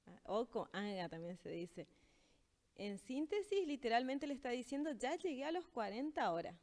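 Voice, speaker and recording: A woman teaching in a casual language lesson, explaining patiently and slowing down to read example phrases. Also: a little high, big pitch swings, darkish tone.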